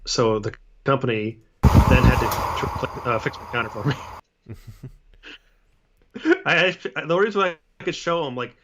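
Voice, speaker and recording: A man's voice: medium pitch, expressive, a little slow, long pauses, noisy background. A man co-hosting a casual livestream, joking and laughing often, stumbling over repeated words. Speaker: podcast co-host.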